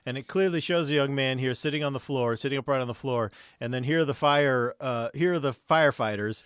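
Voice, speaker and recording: A man's voice: mid-range voice, fairly quick, fairly bright tone, clean tone, no room sound, clean studio sound. A man co-hosting a casual comedy talk show, rambling and reading out news posts. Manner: rambling, loses his place, reads out posts. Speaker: podcast co-host.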